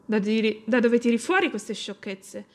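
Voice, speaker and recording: Zorba, a woman doing a gentle protective big cat. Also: fairly high pitch, expressive, normal speed, lightly acted. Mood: tender. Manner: gentle, earnest.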